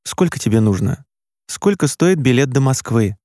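A man's voice: medium pitch, sing-song, moderate pace, warm tone, no room sound, clean studio sound. A man reading an anxious young man. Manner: anxious, urgent questions. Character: shaken young man, eighteen, son.

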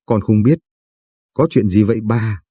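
A man's voice: fairly low pitch, measured pace, mellow, breathy edge, dry recording. A man voicing a young son-in-law who protests and flares up indignantly. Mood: polite. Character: young son-in-law, defensive and quick to anger.

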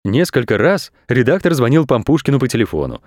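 A man narrating a children's story with expressive, lively storytelling. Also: mid-range voice, brisk, dry recording, studio quality. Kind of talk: audiobook reading for children.

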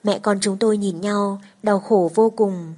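A woman's voice: medium pitch, a little slow. Woman narrating a story steadily. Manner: even, steady storytelling, first-person. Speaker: audiobook narrator.

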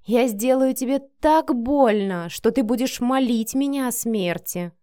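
A woman's voice: fairly high pitch, a little slow, darkish tone, clear, resonant tone, dry recording, studio quality, natural voice. A woman reading an audiobook voices a vengeful, cruel rival who hisses threats through clenched teeth. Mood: threatening.

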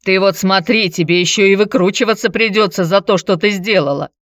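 A woman's voice: mid-range voice, brisk, dry recording, clean studio sound, pitched above the performer's own voice, close to an everyday voice. A woman voicing a broke, hard-drinking man who talks in a grumbling, wheedling, pushy way.

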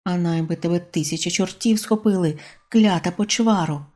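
A woman voicing a hostile foreign rival fisherman who hurls insults and threats, in a low, husky voice. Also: normal speed, mellow, close to an everyday voice.

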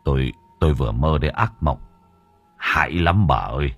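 A man's voice: rumbling low, expressive, moderate pace, breathy edge, lo-fi sound, soft background music, voice pushed down, heavily acted. A man voicing a terrified old man, stammering and pleading in panic in an audio horror story. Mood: shaken.

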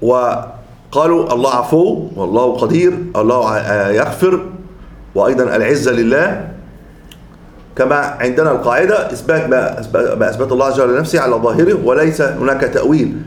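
A man's voice: mid-range voice, fairly quick. Arabic-speaking man lecturing in an echoey room. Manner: repeats and restarts words, explaining term by term. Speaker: Islamic scholar teaching a creed text. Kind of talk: lecture explaining a classical text.

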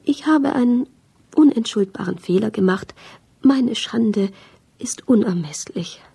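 A woman voicing a timid, ashamed male office worker in a radio play, pleading in a hushed voice. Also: a little high, unhurried, gravelly, slightly rough, heavily acted.

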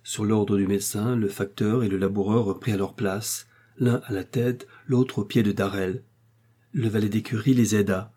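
A man narrating a novel in steady storytelling. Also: fairly low pitch, moderate pace, breathy edge. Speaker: audiobook narrator. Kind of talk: scripted narration.

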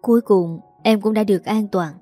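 Woman doing a young man, protective, soothing, quiet, warm voice. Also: medium pitch, normal speed, faint music behind, natural voice. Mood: tender. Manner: soothing, steady.

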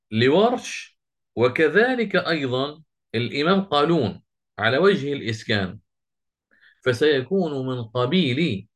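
Man, recitation teacher, lively rising and falling pitch, quizzes students, chants verses slowly. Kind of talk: classroom lesson with chanted verse quotes.

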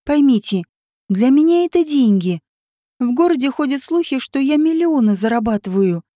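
A woman's voice: sits high, animated, normal speed, mellow, dry recording. A woman voicing a timid, flustered woman writer who talks hesitantly and apologetically.

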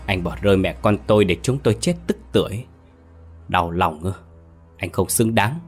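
A man's voice: deep voice, moderate pace, husky, soft background music. A man voicing a young woman's vengeful ghost who speaks coldly and accusingly. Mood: cold scorn. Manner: cold, accusing. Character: vengeful young female ghost, cold and bitter. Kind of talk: storytelling dialogue.

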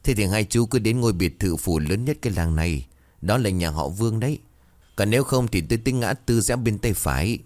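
A man's voice: lowish voice, expressive, brisk, a little mellow, dry recording, close to an everyday voice. A man voicing a chatty middle-aged village woman who gives directions helpfully.

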